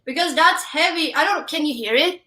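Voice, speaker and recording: A young adult woman from Sweden with a Swedish accent, a drummer talking in a casual live-stream interview, halting, with many fillers and restarts. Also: high-pitched, sharp tone. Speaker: guest drummer. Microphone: wireless headphones.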